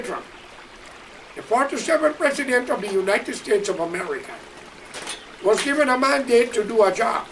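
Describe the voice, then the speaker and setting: A man's voice: very high-pitched, creaky, fairly bright tone, far from the mic, a little hiss or hum, low-quality recording. A man from Guyana with a Guyanese accent, delivering an impassioned, preachy political monologue straight to his listeners. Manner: preachy, emphatic, addresses listeners directly. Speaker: political commentator.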